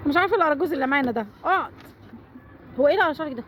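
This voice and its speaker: A woman's voice: high-pitched, animated, very fast, a bit bright, slight background noise. A woman with an Egyptian accent running a family party game, teasing and bossing the players playfully. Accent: Egyptian Arabic. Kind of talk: casual family chat.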